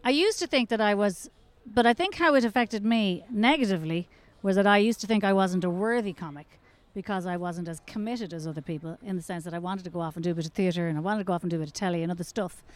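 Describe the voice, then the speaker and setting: A woman's voice: medium pitch, fast talker, few pauses. A woman, a comedian and actress chatting on a podcast with wry, teasing banter. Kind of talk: casual chat.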